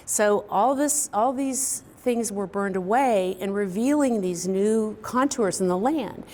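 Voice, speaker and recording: Middle-aged woman, reflective conversational talk, pauses and fillers, faint background noise. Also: medium pitch, a little mellow. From Kansas, US Midwest. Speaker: quilt artist. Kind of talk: recorded artist talk. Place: indoor studio, quilt hanging behind her.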